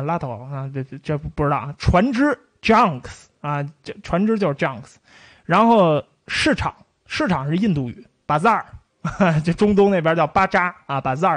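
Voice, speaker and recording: A man with a high, bouncy voice gives a relaxed history talk and hams up odd pronunciations as he goes. The sound is close and dry, with no room around it. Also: dry recording. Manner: lively storytelling with playful mock pronunciations. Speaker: history lecturer. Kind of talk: casual spoken history lecture.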